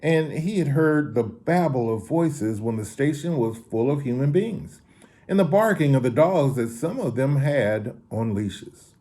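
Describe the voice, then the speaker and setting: A man reads a children's story aloud with a warm, mellow voice. His pitch rises and falls expressively, and he sometimes backs up to reread a line. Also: unhurried. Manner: expressive reading with occasional restarts. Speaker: story reader.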